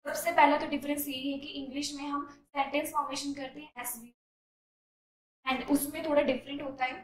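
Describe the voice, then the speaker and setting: A woman with an Indian accent teaching IELTS essay writing, mixing Hindi and English, reading sample sentences slowly and explaining them step by step. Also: high voice, flat delivery, echoey room, far from the mic, poor audio.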